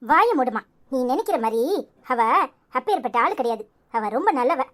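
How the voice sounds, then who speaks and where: A woman's voice: high-pitched, very animated, normal speed. A woman voicing an earnest, pleading young married daughter in a cartoon, with a Tirunelveli Tamil accent.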